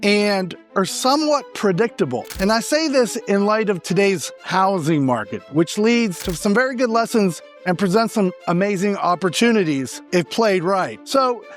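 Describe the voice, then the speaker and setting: A real estate agent from Argentina gives market advice in an informal explanatory monologue to camera, emphatically posing questions and answering them himself. His high voice is expressive, moving at a moderate pace with few pauses, while faint music plays behind him.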